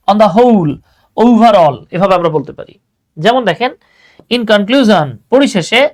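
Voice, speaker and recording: Patient Bangladeshi male English tutor. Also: high-pitched. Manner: explains patiently, repeats phrases, addresses students as "baba". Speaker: English teacher. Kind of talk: online exam-prep lesson.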